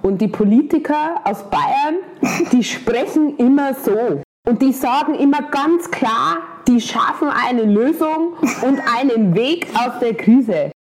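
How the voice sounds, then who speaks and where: A woman's voice: high voice, lively intonation, takes it slowly, pitched above the performer's own voice. A woman parodying a self-assured Bavarian politician, emphatic and pompous, with a Bavarian accent. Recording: clearly noisy location recording.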